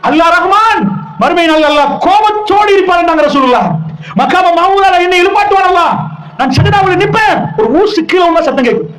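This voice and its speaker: A man's voice: very high voice, a bit bright, roomy sound, poor audio. A man preaching an Islamic sermon, fervent and emotional, firing rhetorical questions at the congregation.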